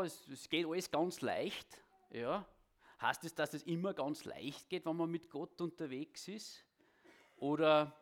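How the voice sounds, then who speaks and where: Male preacher, halting delivery, repeats words, sermon in a church hall. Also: on the high side. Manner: halting, repeats words, self-deprecating asides. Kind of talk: sermon and prayer.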